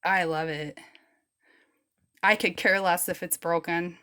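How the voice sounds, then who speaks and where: A woman's voice: on the low side, fairly even intonation, slow pace, sharp tone. A woman vlogger chatting casually as she shows her beach finds, rambling and laid-back, and shrugging off her own mistakes. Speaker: rockhounding vlogger. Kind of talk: casual show-and-tell chat.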